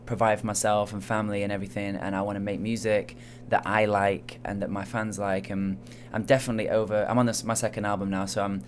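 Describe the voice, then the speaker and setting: In a casual interview, a young Mancunian soul singer speaks fast with few pauses, his lowish voice delivered flatly. He comes across soft-spoken and hesitant, leaning on lots of fillers, over slight background noise.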